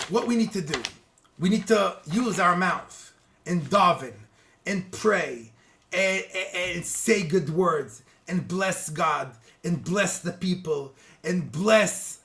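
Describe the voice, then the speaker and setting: Man, high voice, bright tone, animated religious teacher, chatty, keeps asking "okay?". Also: takes it slowly. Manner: animated, often checks in with "okay?" and "guys". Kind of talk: casual religious teaching to viewers.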